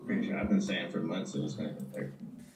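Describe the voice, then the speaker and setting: A man on a live call as a day trader, calmly explaining his view of the market. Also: rumbling low, quick pace, roomy sound, far from the mic, a little hiss or hum. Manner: calm, explains his analysis. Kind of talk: casual chat over live trading.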